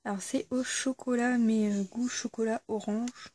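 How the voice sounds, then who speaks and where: A woman's voice: fairly high pitch, steady tone, unhurried, warm tone, a little hiss or hum. A woman chatting casually through an unboxing video, hesitant, with lots of fillers and self-corrections. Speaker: YouTuber reviewing a subscription box.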